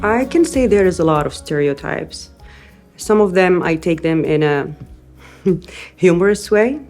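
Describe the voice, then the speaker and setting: A middle-aged woman from Syria, a native Arabic speaker, giving an earnest interview with frequent pauses and restarts. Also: fairly low pitch, expressive, darkish tone, soft background music. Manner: earnest, thoughtful, frequent hesitations. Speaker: interviewee, newcomer parent. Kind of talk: interview testimony.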